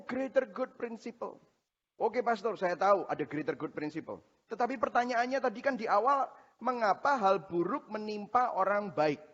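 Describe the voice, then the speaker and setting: A male pastor in his forties delivers a sermon in a high, light voice, lively and story-driven, and keeps calling out to his listeners. The sound is muffled and lo-fi, with a long reverb that fills a church hall. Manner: animated storytelling, addresses the congregation directly. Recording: echoey hall, dull lo-fi sound.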